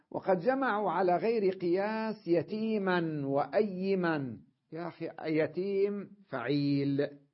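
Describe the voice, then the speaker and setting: A man teaching an Arabic grammar class, explaining patiently and often checking that his students follow. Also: on the high side. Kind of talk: classroom lesson. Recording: dull lo-fi lecture recording.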